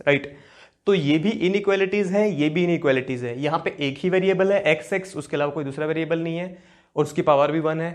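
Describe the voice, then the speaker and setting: In this classroom maths lecture, a young male teacher whose voice runs fairly high keeps firing quiz-like questions and supplying the answers himself. Key terms get repeated, and when reading expressions he slows to spell them out one step at a time.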